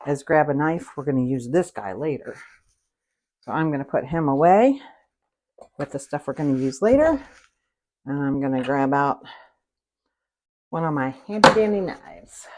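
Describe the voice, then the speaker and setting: A middle-aged woman hosting a live cooking stream from her home kitchen, chatting casually and greeting viewers by name. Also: on the low side. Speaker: cooking show host.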